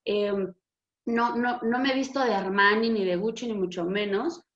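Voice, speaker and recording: A woman's voice: mid-range voice, normal speed. Frank Mexican woman, echoey room. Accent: Mexican Spanish. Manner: frank, expressive, swears freely. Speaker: spiritual channel host. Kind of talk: casual spiritual talk. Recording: echoey room, dull lo-fi sound.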